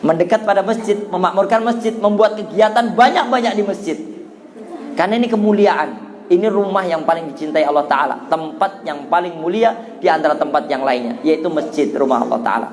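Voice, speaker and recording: A middle-aged man with a Javanese accent delivers an Islamic sermon in a high, bright voice. He tells stories animatedly and acts out childhood voices and shouts as he goes. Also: brisk. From Java, Indonesia. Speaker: Islamic preacher. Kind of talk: sermon with personal storytelling.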